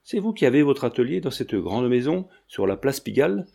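Chatty, meddling old landlady with a mellow low voice, read by a male narrator in a storybook reading. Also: very animated, brisk, creaky. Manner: talkative, familiar, insistent.

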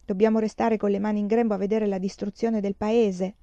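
Woman voicing a quiet, earnest young woman. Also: mid-range voice, little pitch movement, fairly quick, dry recording, lo-fi sound, lightly acted. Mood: grave. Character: young woman of twenty-one, earnest and troubled.

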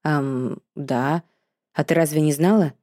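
A sarcastic, laid-back young man, as a female narrator plays him, with his voice dropped lower and delivered with quick, offhand dryness. The tone is dark and mellow, recorded close and dry. This is storybook dialogue. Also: no echo. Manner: dry, teasing, unhurried.

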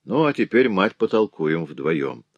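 A man voicing a strong, calm older brother who speaks firmly and coldly. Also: sits low, a little slow, no room sound, lo-fi sound, heavily acted. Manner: calm, firm, cold.

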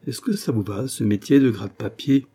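A man voicing a lively, carefree young poet who talks with enthusiasm. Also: medium pitch, a little fast, husky, close to an everyday voice. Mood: mocking, ardent. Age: young adult. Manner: enthusiastic, raised voice.

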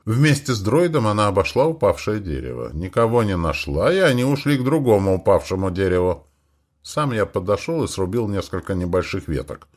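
A man reading a first-person science fiction audiobook with animated storytelling. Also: on the low side, fairly quick. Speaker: audiobook reader.

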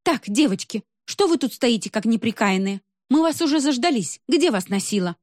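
A woman voicing a fussy, bossy elderly woman who organizes a concert, talking shrill and loud. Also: sing-song, normal speed, no echo, studio quality.

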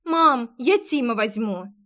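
A woman's voice: on the high side, expressive, takes it slowly, a bit bright. A woman reading an audiobook voices a small girl who whines and pleads with her mother. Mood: insistent. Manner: whiny, insistent. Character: little girl, pleading and guilty.

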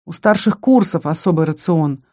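A woman's voice: sits low, lively intonation, normal speed, mellow. A woman voicing a protective young male student who speaks bluntly and scornfully. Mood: explaining.

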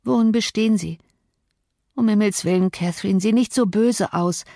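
A woman's voice: mid-range voice, normal speed, mellow, dry recording, studio quality, natural voice. Woman doing a sickly, pleading young man. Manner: breathless, pleading, muttering. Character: sickly, timid young man, self-pitying.

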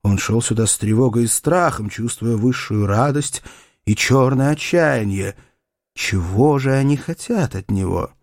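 A man reads a novel aloud in an unhurried, measured way. His pitch moves a lot to carry the story, and the recording is dry and close, with no room sound. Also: no echo. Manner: expressive, measured reading. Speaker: narrator. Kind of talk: audiobook narration.

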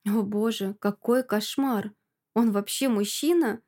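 A woman narrating a first-person story in an expressive audiobook reading. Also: mid-range voice, measured pace.

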